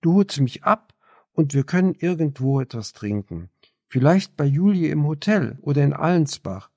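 A man's voice: fairly high pitch, lively intonation, moderate pace, gravelly, darkish tone, no room sound, clean studio sound, pitched above the performer's own voice. A man voicing a determined, cautious young woman in an audiobook. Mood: firm.

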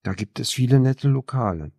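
A man's voice: medium pitch, expressive, moderate pace, creaky, warm tone, breathy edge, no room sound, studio quality, voice pushed up. A man voicing a determined, cautious young woman in an audiobook. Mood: firm.

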